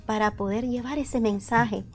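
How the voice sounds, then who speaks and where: A woman's voice: fairly high pitch, fairly even intonation, moderate pace, faint music behind. A middle-aged woman hosting an interview programme in an effusive, complimentary way. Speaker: host. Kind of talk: scripted-sounding programme introduction and interview. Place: indoor radio and TV studio set. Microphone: lapel mic.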